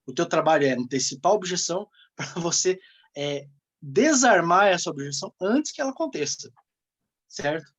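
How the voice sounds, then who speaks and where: Brazilian man, sales mentor, emphatic and animated, voice pitched a bit high. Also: normal speed. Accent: Brazilian Portuguese. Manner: emphatic, animated, laughs often. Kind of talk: coaching talk.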